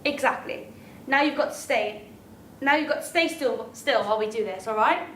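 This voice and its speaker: A woman's voice: on the high side, normal speed, a bit bright, slight background noise, lightly acted. A woman as a squeamish teen girl. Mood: fussy. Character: squeamish gossipy teenage girl. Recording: echoey room, far-off camera mic.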